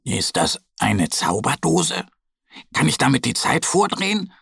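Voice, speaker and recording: A man's voice: fairly low pitch, sing-song, slow, vocal fry, a bit bright, slightly rough, no echo, studio quality, full character voice. A man voicing a small, impatient young male bear in a children's story, grumbling and curious.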